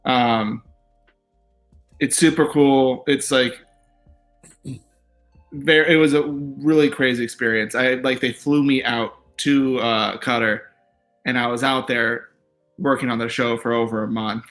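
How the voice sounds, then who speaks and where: A man's voice: medium pitch, measured pace, pauses often, faint music behind. A man, a TV writer, talking casually in an interview, rambling with lots of fillers. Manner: relaxed, rambling, many fillers and "like"s. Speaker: TV writer guest.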